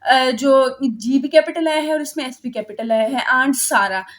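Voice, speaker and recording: This is a woman giving an exam-prep grammar lesson. Her voice sits high, and she walks through each rule patiently. She keeps checking in with her listeners and slows down for the English headings. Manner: explains step by step, often checking with "ठीक है". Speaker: teacher.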